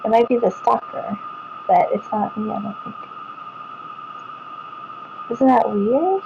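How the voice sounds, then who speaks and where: A woman's voice: a little high, slow, creaky, muffled recording, background noise. A woman, vlogging casually to viewers, rambling, repeating herself and restarting sentences.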